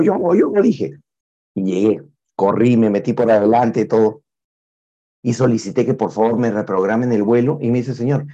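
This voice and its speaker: Man telling an animated story. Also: on the low side, slightly rough, muffled recording. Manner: animated storyteller, acts out the voices of others. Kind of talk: storytelling talk with life lessons.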